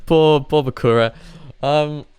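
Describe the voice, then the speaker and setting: A man's mid-range voice, a little mellow and clean, draws out his words as he gives casual, unscripted reactions to an animated parody series as a video reviewer. He's hesitant, rambles and repeats himself. Dry recording.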